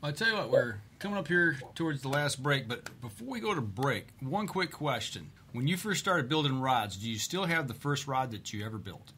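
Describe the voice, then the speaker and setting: A man's voice: medium pitch, very animated, normal speed, hardly any pauses, pushed and bright, a little hiss or hum. A man hosting a casual outdoor podcast, easygoing and steering the talk to breaks. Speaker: podcast host.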